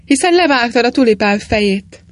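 A woman voicing a bold male companion in an audiobook reading, speaking briskly. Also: on the high side, animated, natural voice. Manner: brisk, exclaiming.

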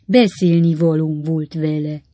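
A woman voicing a fat, sleepy servant boy who is sulky and tearful, pleading slowly. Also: deep voice, fairly even intonation, warm tone, dry recording, studio quality. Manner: slow, plaintive pleading. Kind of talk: audiobook character voice.

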